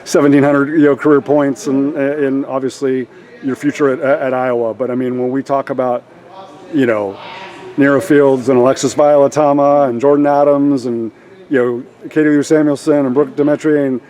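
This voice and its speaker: A man conducting a sports interview, piling up praise and stumbling through long, winding questions. His pitch sits in the middle range. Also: level tone, moderate pace, dark tone. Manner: rambling, many fillers and restarts, effusive. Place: gym after a game.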